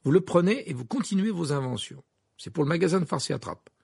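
A man's voice: a little high, lively intonation, fast talker, creaky, darkish tone, breathy edge, no echo, studio quality, pitched above the performer's own voice, full character voice. Harry, a firm teenage boy wizard, as a man reads him. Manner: firm, insistent.

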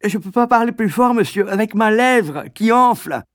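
Man playing a whiny pleading schoolboy, high thin voice, dry sound. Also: expressive, normal speed, dry recording. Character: young schoolboy with swollen lip, pleading.

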